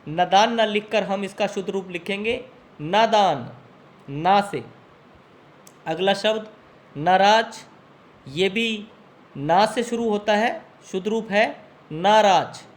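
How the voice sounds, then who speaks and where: A man teaching a spelling lesson to exam students, saying each word slowly and repeating it with care. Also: sits high. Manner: slow, deliberate, spells words out and repeats them.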